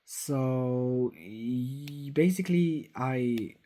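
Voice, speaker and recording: A young man of twenty talks into a phone for a casual vlog update. His voice is mellow and dark-toned, and he rambles, swears freely and keeps restarting his sentences. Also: medium pitch, drawn-out words. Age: 20s. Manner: rambling and profane, with lots of fillers and restarts. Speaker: YouTuber.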